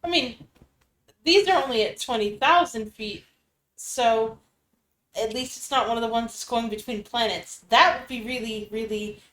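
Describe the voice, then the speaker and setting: A woman's voice: fairly high pitch, normal speed, fairly bright tone. A woman chatting casually and wryly while playing a game. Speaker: game player. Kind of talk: casual chat while gaming. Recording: roomy with faint background noise.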